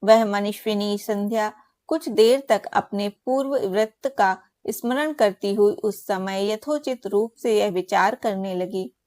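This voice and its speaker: A woman voicing the creator god Brahma as a wise male elder, telling the tale in a solemn, measured way. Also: mid-range voice, darkish tone, dry recording, clean studio sound, lightly acted.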